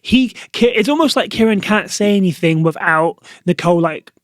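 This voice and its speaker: A man's voice: sits high, lively intonation, normal speed, dry recording, clean studio sound. A young British man hosting a solo podcast, talking casually to camera and chatty, with lots of "like" fillers. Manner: chatty, frequent "like" fillers, opinionated. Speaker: podcast host.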